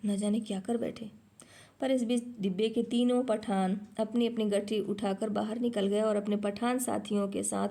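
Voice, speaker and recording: A woman reading a short story aloud in a measured, steady way. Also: medium pitch, gravelly.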